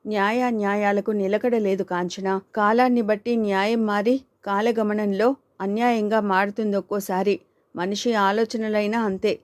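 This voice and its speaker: A woman voicing Shyamala, a stern middle-aged mother who argues in a measured, firm way, in an audiobook reading. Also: medium pitch, fairly even intonation, dry recording, close to an everyday voice.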